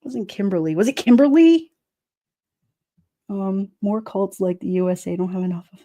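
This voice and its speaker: A middle-aged woman with a New York accent, casually chatting on a livestream, sassy and quick to laugh. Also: mid-range voice, lively intonation, mellow. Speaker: livestream host reading chat. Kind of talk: casual chat.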